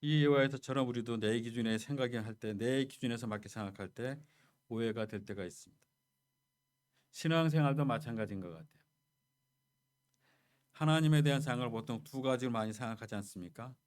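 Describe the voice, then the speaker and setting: A man's voice: mid-range voice, a little fast, long pauses, darkish tone. A male pastor preaching a Sunday sermon in a church, telling stories and speaking directly to the congregation. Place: church sanctuary.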